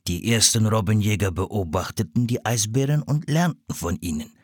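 Patient storybook seal hunter, slow measured words, low husky voice, as a man voices him. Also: animated, darkish tone, no echo, studio quality. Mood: calm. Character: calm, kindly older male seal hunter.

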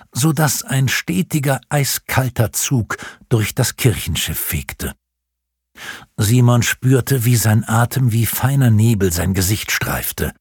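A man narrating a historical novel in an expressive audiobook style with a husky voice, close-miked in a booth. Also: on the low side, no room sound. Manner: expressive, varied storytelling. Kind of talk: scripted narration.

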